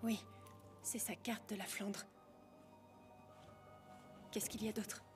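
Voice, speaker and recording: An actress playing an eager, jumpy young sidekick in an adventure film, animated and impulsive. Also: female voice, mid-range voice, slow, music in the background, natural voice. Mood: curious. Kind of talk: film acting.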